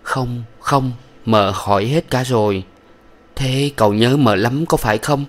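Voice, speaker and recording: A man's voice: medium pitch, measured pace, voice pushed up, lightly acted. A man voicing a grieving young mother speaking hesitantly in a storybook reading. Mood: subdued.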